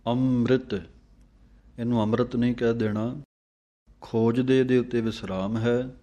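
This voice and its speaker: A man teaching careful scripture recitation line by line, chanting each phrase slowly and then briefly explaining how to say it. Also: medium pitch, little pitch movement, dark tone. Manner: slow chanted lines, then quick spoken corrections.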